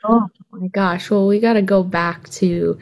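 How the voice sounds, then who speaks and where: A young woman from Hawaii, a singer being interviewed, talking openly and earnestly in a casual, soft-spoken way. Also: medium pitch, fairly even intonation, a little slow. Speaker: singer guest.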